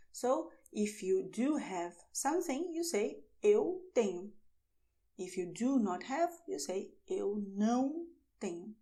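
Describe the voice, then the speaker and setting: A woman teaching a language lesson, saying phrases slowly and then explaining them. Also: mid-range voice, dark tone. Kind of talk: slow, clear language lesson.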